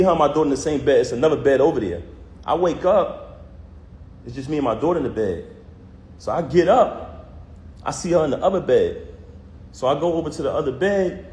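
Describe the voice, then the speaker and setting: A male vlogger recounts a personal conflict to viewers in casual, heated first person, emphatic and full of street slang. His mid-range voice is a little mellow, and the recording has a roomy echo.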